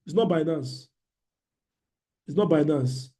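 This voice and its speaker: High-voiced Nigerian man, animated and joking. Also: takes it slowly. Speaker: trading webinar host. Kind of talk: online class chat.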